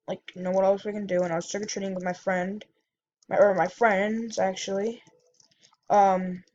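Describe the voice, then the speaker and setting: A woman vlogger spins a casual story, rambling along with plenty of fillers and quick self-corrections. Her voice sits at an ordinary middle pitch. The sound is muffled and lo-fi. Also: darkish tone.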